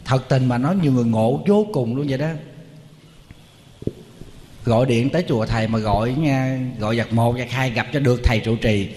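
A man's voice: mid-range voice, a little fast, darkish tone, in a large hall, a little hiss or hum. A man, a Buddhist monk giving a humorous, storytelling sermon.

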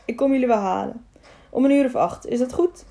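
A woman's voice: on the high side, a little fast, creaky, mellow. A woman reading the part of a stern, honest older male councillor who speaks firmly and with authority. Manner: firm, commanding.

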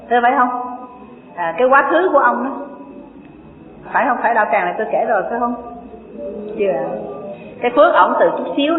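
A woman gives a homely Buddhist sermon. She tells stories in a conversational way and keeps checking in with the listeners. The recording is thin and phone-like, with a long echo from a big hall. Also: on the high side. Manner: folksy, conversational, asks the audience questions. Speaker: Buddhist dharma teacher. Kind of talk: sermon with storytelling. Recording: tinny, echoey hall recording.

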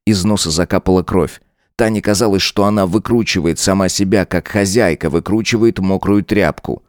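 A man narrating an audiobook in a dramatic, expressive reading. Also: deep voice, normal speed, no echo, clean studio sound. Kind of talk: scripted narration.

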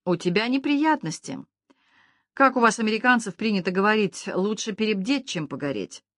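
A woman's voice: medium pitch, animated, moderate pace, a bit bright, dry recording, clean studio sound, natural voice. Woman voicing a cold, curt gangster. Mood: cold menace. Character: cold, commanding male gangster twin. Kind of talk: audiobook character voice.

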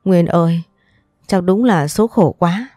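Shrieking grief-mad aunt voiced by a woman narrator, loud and raw, dry close read. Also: fairly low pitch, brisk, no room sound, soft background music, natural voice. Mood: wailing rage. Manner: wailing and screaming accusations. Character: grieving, furious middle-aged aunt.

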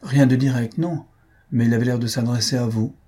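Rôle : jeune homme dévoué, un peu jaloux, joué par le lecteur, ton sincère, timbre sombre et rauque. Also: male voice, medium pitch, steady tone, brisk, warm tone, husky, lightly acted. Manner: earnest, tender questioning. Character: young gentleman, devoted admirer, earnest and jealous.

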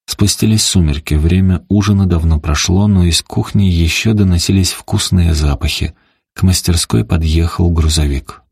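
A man narrating an audiobook in a steady, dramatic storytelling manner. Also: deep voice, normal speed, vocal fry, breathy edge, dry recording, clean studio sound. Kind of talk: audiobook reading.

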